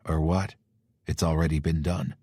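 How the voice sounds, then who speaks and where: A man voicing a teasing, tender young male lover in an audiobook, speaking softly and intimately. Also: a bass voice, steady tone, normal speed, slightly rough, no room sound.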